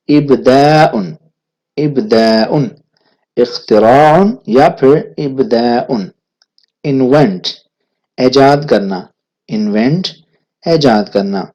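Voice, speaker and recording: A man with a Pakistani Urdu accent leads a vocabulary lesson at a very slow pace. He repeats each word deliberately before he gives its meaning. His voice sits at a middle pitch. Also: animated, mellow. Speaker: language teacher.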